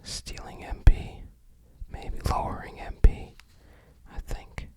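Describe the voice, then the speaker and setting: An ASMR host whispers softly using only breath, musing casually as if giving an unhurried unboxing commentary. Her remarks come out tentatively, like quiet thinking aloud.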